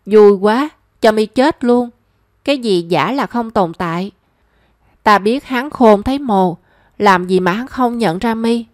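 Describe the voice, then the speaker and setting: A woman's voice: medium pitch, unhurried, a little mellow, no room sound, clean studio sound, close to an everyday voice. A woman voicing a cheeky, brash young woman who teases her friend. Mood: teasing. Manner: teasing, brash.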